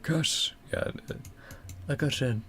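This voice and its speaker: A man who makes gaming videos gives casual, off-the-cuff commentary as he plays, often muttering half to himself. He takes it slowly, his voice bright and forceful.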